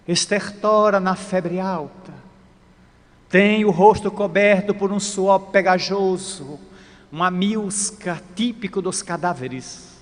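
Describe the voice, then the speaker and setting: A man giving a dramatic, storytelling spiritist sermon in a lecture hall, swinging between loud and hushed. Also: on the high side. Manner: dramatic, with big swings in loudness. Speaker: spiritist speaker. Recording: long reverb of a lecture hall.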